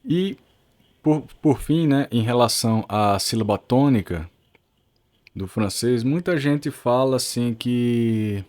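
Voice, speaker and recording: Slow, patient Brazilian man teaching. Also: mid-range voice, a little mellow. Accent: Brazilian Portuguese. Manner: slow, patient explaining with frequent "né?" tag questions; repeats example words with careful, slowed pronunciation. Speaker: French teacher. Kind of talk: recorded language lesson.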